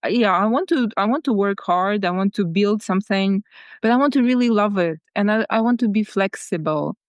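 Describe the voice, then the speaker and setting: Ukrainian lady on a podcast, smooth clear voice, dry close sound, thoughtful and laughs a lot. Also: medium pitch, fairly quick, dry recording. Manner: reflective, repeats words, frequent soft laughs. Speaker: guest artist. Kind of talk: podcast interview.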